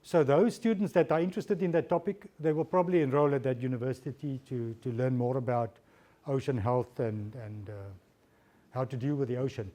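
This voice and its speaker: A man speaks as a diplomat fielding questions after a lecture. His tone is dark and mellow. He is thoughtful and halting, restarting phrases and repeating small words. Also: medium pitch, steady tone. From South Africa. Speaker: diplomat giving a guest lecture. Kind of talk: lecture answering audience questions.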